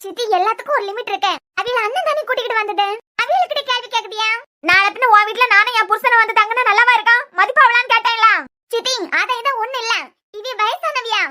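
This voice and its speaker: Woman doing a firm young woman in a cartoon, Kanyakumari Tamil, fast defensive talk, bright and high. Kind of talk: cartoon serial voice acting.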